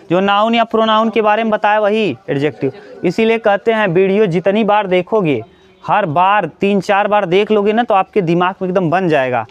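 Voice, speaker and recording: A man teaching an English grammar class to students, talking straight to them and repeating each example slowly. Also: high voice, clean tone.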